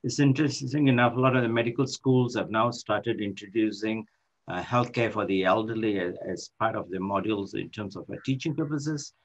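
An older Malaysian professor of occupational therapy gives an online lecture as a guest speaker from an office with shelves. His voice is low and his delivery halting, with many fillers and restarts. The laptop microphone on the video call makes the audio dull, lo-fi and muffled.

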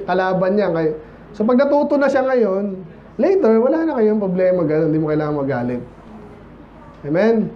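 High-voiced preacher in a casual sermon. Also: male voice, lo-fi sound, a little hiss or hum. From Philippines. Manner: casual, asks the congregation "di ba?" and "Amen?". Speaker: pastor. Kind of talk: conversational Baptist sermon. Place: church.

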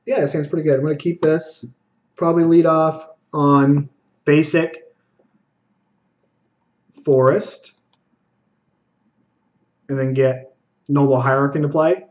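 Young male streamer, slightly high voice, running self-critical commentary on his own card game plays. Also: steady tone, a little mellow, dull audio. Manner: self-critical, thinking aloud, quick asides. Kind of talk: live gameplay commentary.

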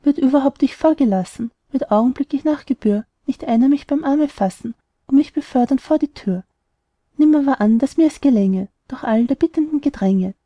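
A woman's voice: high-pitched, dark tone, dry recording, muffled recording. A woman voicing a worried, skeptical mother in an audiobook, reading rhymed verse earnestly.

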